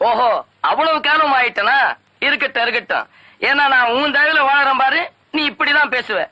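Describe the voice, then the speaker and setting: A man's voice: very high voice, normal speed, sharp tone, full character voice, poor audio. An actor playing an old father who scolds his drinking son in film comedy dialogue. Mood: scolding. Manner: reproachful, scolding.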